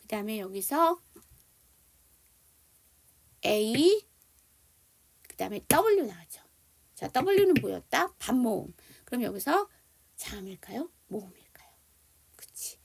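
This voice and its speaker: A woman's voice: fairly high pitch, very animated, takes it slowly, gravelly, long pauses, a little hiss or hum. A woman teaching an online English phonics lesson, explaining spelling and sounds and leading students through repetition drills.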